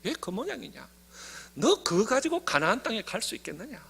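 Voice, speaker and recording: A man's voice: high-pitched, big pitch swings, creaky, sharp tone, husky, full character voice. A man voicing God as a stern, commanding figure in a sermon retelling. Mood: rebuking. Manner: slow, grave, questioning.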